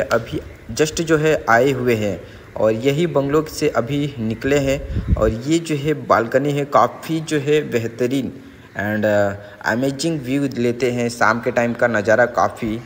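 A man's voice: medium pitch, big-room sound, a little hiss or hum. A young man filming himself outdoors by the sea, talking casually with many filler phrases and some English words mixed in. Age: young adult. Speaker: vlogger. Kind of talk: casual travel vlog. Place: outdoors by the sea, seaside garden. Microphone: phone at arm's length.

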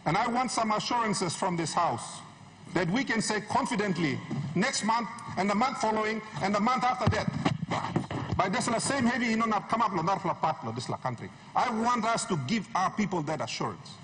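A man's voice: high-pitched, lively intonation, moderate pace, fairly bright tone. A middle-aged man giving an impassioned, emphatic speech as a member of parliament, using rhetorical repetition. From Papua New Guinea. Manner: emphatic, rhetorical, repeats phrases for effect. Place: large wood-panelled parliament chamber. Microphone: desk gooseneck microphone, standing. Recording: noisy parliament chamber microphone.

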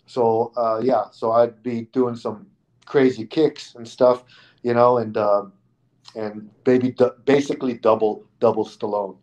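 A man being interviewed on a podcast, telling a lively anecdote in casual speech, often restarting his phrases. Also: mid-range voice, measured pace, lo-fi sound. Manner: animated anecdote teller with frequent restarts, acting out quoted people. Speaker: guest.

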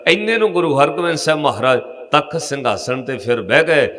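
A man's voice: on the high side, expressive, fairly quick, a bit bright. A man with a Punjabi accent giving an emotive storytelling sermon, speaking directly to the congregation. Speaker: preacher. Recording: echoey hall reverb.

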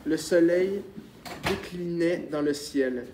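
A man reading a novel aloud as an audiobook narrator, in a steady, measured voice. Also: on the high side. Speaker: audiobook reader. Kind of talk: scripted narration. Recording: noisy with clicks.

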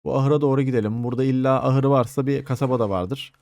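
A man's voice: medium pitch, fairly even intonation, fast, creaky, a little mellow, dry recording, studio quality. A man giving casual gameplay commentary, chatty and joking, swearing playfully and talking back to game characters. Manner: soothing coos to a horse. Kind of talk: casual Let's Play commentary.

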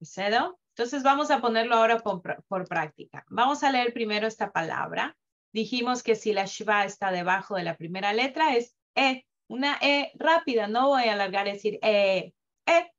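A woman teaching Hebrew reading in a live class, slowly drawing out sounds to demonstrate them with patience. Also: a little high, fairly bright tone. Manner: patient, drawn-out demonstrative pronunciation. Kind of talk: slow online reading lesson. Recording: dull lo-fi audio.

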